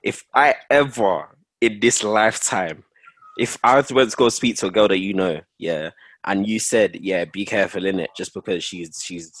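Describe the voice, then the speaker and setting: A man's voice: lowish voice, normal speed, fairly bright tone, no echo, rough recording. A man in his twenties with a London accent and roadman slang, chatting casually among friends. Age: 20s. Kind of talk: casual group chat.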